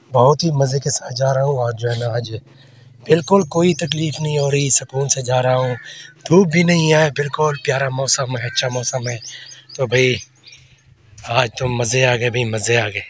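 A man's voice: mid-range voice, slight background noise. A man talking casually to his viewers in a vlog, earnest and devout, repeating his phrases. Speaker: family vlogger. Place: outdoors among fields, then walking.

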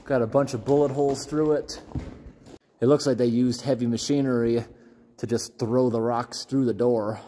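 A man's voice: medium pitch, fairly even intonation, moderate pace, warm tone. A man exploring abandoned railroad tunnels on foot, chatting casually to viewers as he walks. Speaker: urban explorer vlogger. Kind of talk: walking commentary.

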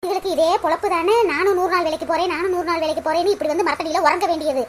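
A performer voicing a sharp-tongued village woman in a cartoon, scornful and boastful. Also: very high voice, steady tone, racing, heavy background noise.

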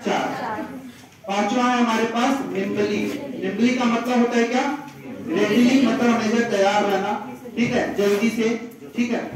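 A man with a Chhattisgarh accent teaching English vocabulary to a class, asking questions and repeating the answers. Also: very high-pitched. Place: large echoey classroom with students. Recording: very echoey room, distant mic, student chatter.

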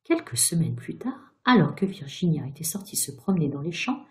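A woman storyteller reading a tale aloud to children, expressive and speaking directly to her young listeners. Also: sits low, brisk, in a whisper.

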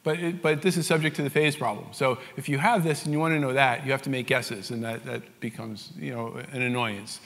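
A man's voice: mid-range voice, steady tone, a little fast, gravelly, few pauses, fairly bright tone. A man with a New York accent giving a technical science lecture, explaining step by step with many fillers and restarts. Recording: reverberant lecture hall.

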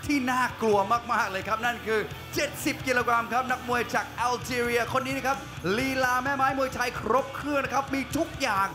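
A man works as a showy ring announcer at a live fight event. His voice is very high-pitched, on a handheld mic with clear music behind. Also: steady tone, brisk, few pauses. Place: boxing ring in a large event venue. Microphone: handheld microphone.

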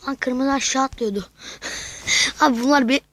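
A woman giving excitable live gameplay commentary as a YouTuber, swearing and shouting at the game, then dropping to whispers. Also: high voice, moderate pace, low-quality recording. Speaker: gaming YouTuber.

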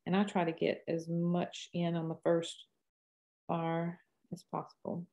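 An older woman in her sixties with a Cajun accent speaks in a fairly low voice. She gives a casual painting lesson, wandering in a folksy way from tip to tip as she thinks out loud. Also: completely flat delivery, unhurried. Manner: rambling, folksy, thinks aloud while painting. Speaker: painting teacher. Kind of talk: casual live painting tutorial.

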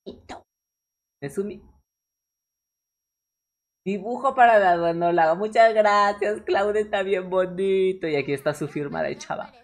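A young woman with a Mexican accent, casually reacting to fan art on a stream, excitable and swearing freely with frequent laughs. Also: medium pitch, a little slow, pauses often. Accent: Mexican Spanish.

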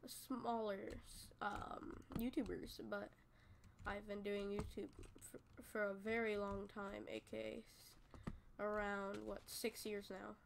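A woman's voice: mid-range voice, little pitch movement, takes it slowly, creaky, a little hiss or hum. A woman giving casual, rambling commentary over gameplay as a gaming YouTuber, often correcting herself. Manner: rambling, chatty, self-correcting. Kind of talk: casual game tutorial commentary.

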